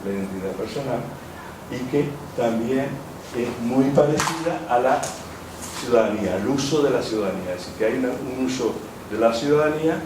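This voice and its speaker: A man with a mid-range, expressive voice speaks briskly while giving an academic lecture. He rambles, rephrases often, and hesitates a lot with many "eh" fillers. The recording comes from an echoey lecture hall with a distant mic and background noise.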